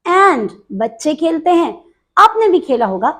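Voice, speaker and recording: Slow, lively-voiced woman English teacher. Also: sits high. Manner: slow, explains step by step, repeats words for drill; mixes Hindi and English, addresses students directly. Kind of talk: pronunciation lesson.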